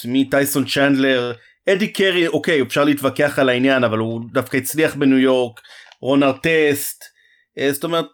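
A man co-hosting a sports podcast, talking animatedly and groping for names and words. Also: medium pitch. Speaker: podcast co-host. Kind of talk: casual sports talk.

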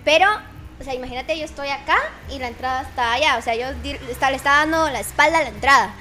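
A woman, a kindergarten teacher telling a funny work story as a podcast guest, animated and quick to laugh. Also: sits high, a little hiss or hum. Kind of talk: casual storytelling chat.

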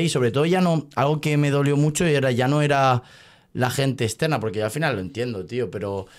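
A young man in his twenties, a magician guest on a podcast, telling a story in casual chat with lots of fillers. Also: mid-range voice. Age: 20s. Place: podcast studio.

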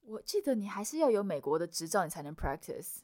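Fast-talking woman consultant. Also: medium pitch, very animated, darkish tone, dry recording, studio quality. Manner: mixes English terms into Mandarin. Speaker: immigration consultant. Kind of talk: expert interview answers.

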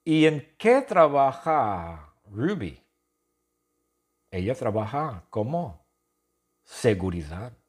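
A man's slightly breathy voice carries an unhurried story built for language learners. His pitch jumps widely as he mimics gunshots and cheering crowds, and he circles back over each phrase before moving on. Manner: animated, with sound effects and shouted crowd noises; speaks slowly and repeats phrases. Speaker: Spanish teacher telling a story. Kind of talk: slow storytelling lesson for learners.

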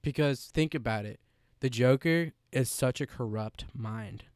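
A young man chatting on a podcast in a smooth, clear voice. He talks animatedly, packs his sentences with "like" and swears casually. The sound is dry and close, with no room echo. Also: mid-range voice, unhurried. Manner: animated, filler-heavy with many "like"s, swears casually. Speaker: podcast co-host. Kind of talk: casual chat.

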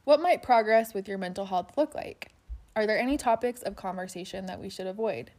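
A woman's voice: mid-range voice, a little mellow. Woman podcasting from under a blanket fort, chatty, laughs a lot, close mic. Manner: chatty, quick to laugh, filler-heavy. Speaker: podcast co-host. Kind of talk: casual chat.

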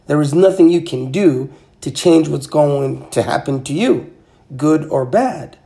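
A man's voice: fairly high pitch, expressive, measured pace, vocal fry, warm tone. A congested man in a casual, reflective monologue, musing and asking his listeners rhetorical questions. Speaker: podcast host.

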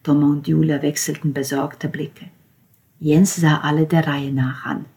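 Woman narrator, lowish voice, measured audiobook reading. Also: flat delivery, creaky, mellow.

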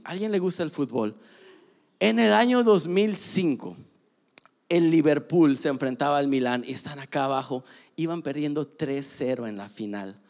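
A young man giving a casual, joking sermon full of animated sports stories. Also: on the high side, vocal fry. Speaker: preacher. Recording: long reverb of a large hall.

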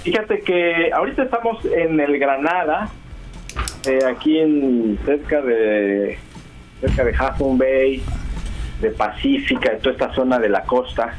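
A man, a guest journalist chatting on a radio interview, talking at length with many fillers and pauses. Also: medium pitch. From Mexico. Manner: talkative, thinking aloud with many fillers. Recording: dull lo-fi radio line, faint music.

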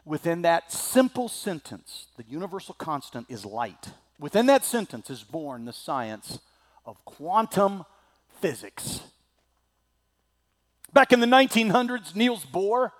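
In a high voice roughened by a slightly scratchy throat, a male preacher gives a sermon that moves from loud proclamation to hushed asides.

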